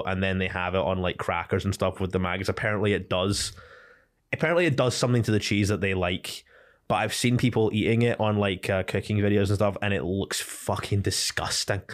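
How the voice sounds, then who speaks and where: A man co-hosting a podcast, chatting casually and joking with frequent laughs. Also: fairly low pitch. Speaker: podcast co-host. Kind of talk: casual chat.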